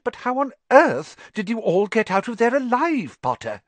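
A man's voice: very high voice, big pitch swings, moderate pace, dry recording, voice pushed up. A man voicing a stern older woman professor with a clipped, scolding manner.

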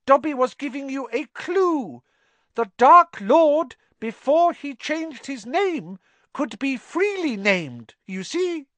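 A man voicing a small, excitable male house elf with a shrill, squeaky voice, full of devotion. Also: slow pace, dry recording, exaggerated voice. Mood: eager. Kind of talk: audiobook character voice.

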